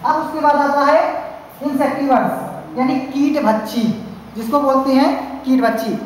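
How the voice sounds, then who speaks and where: A woman's voice: high-pitched, steady tone, normal speed. A woman teacher with a Hindi-speaking North Indian accent giving a classroom science lecture, explaining with many repeated fillers and restarts. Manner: repetitive, filler-heavy explaining with frequent restarts. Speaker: college teacher. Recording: very echoey hall, faint hiss.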